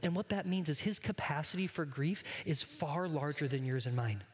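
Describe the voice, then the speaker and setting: A man's voice: on the high side, expressive, normal speed, big-room sound. A man pastor giving a sermon, earnest and conversational, often turning to speak straight to his congregation. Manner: conversational, earnest preaching that addresses the congregation directly.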